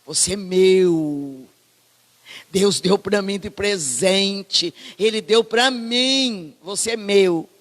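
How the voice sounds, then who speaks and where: A woman pastor with a Brazilian Portuguese accent voicing a loving aged father who speaks slowly and affectionately to his son. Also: medium pitch, big-room sound. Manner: slow and affectionate.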